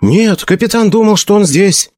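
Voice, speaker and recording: Skinny young messenger, eager, high-pitched report in a storybook, voiced by a man. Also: expressive, normal speed, a little mellow, no room sound, clean studio sound.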